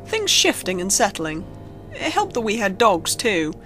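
A woman narrates a scripted horror story, a creepypasta, telling it expressively over background music. Her voice is medium in pitch but swoops wildly, somewhat bright, at a measured pace.

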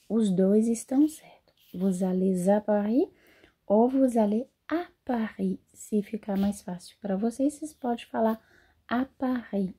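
A woman teaching French in a slow lesson, repeating model sentences carefully. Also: medium pitch, mellow, slightly rough. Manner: repeats phrases slowly and carefully. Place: lives in Europe.

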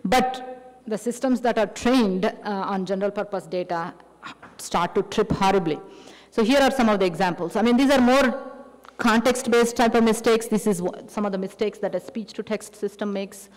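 A woman with an Indian accent gives a technical lecture at an ordinary middle pitch. She explains patiently, circling back with fillers and restarts. Her voice carries a long reverb, as in a big hall. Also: moderate pace, darkish tone.

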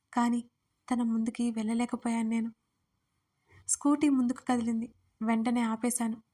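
A woman's voice: a little high, darkish tone. A woman narrating a romance audiobook in the first person, telling it in a heartfelt, tearful way. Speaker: storyteller and writer.

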